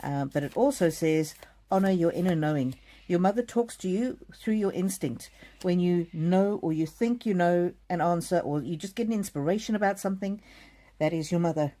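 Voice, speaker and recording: A soft-spoken, middle-aged South African woman hosts a live oracle card reading. Her low, mellow voice moves at a moderate pace as she speaks gently and soothingly directly to each viewer.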